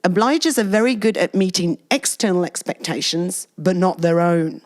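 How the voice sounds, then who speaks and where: A woman's voice: on the low side, lively intonation, normal speed. A woman guest on a podcast, talking energetically in casual chat and explaining ideas at length with frequent restarts.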